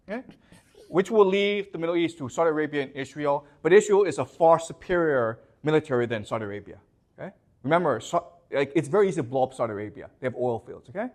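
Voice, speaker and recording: Animated male professor lecturing a class. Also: a little high. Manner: checks in constantly with the class; restarts and repeats words.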